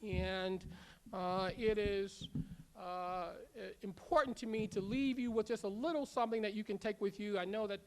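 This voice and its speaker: Give me a school leader giving an emphatic commencement address at a middle pitch, driving home repeated rallying lines. The speaker stumbles on filler words when going off-script. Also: fairly even intonation, normal speed, darkish tone. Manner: emphatic, repetitive rallying phrases, leads call-and-response. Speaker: culinary academy leader giving graduation address. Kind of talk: commencement speech. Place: large ceremony room.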